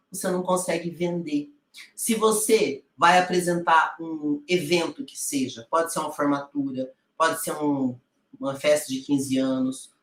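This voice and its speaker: A woman voice-over coach teaching directly, putting rhetorical questions to her listeners and addressing them familiarly. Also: deep voice. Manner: calls the audience "gente" in a familiar way. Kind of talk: online teaching talk. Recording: roomy echo.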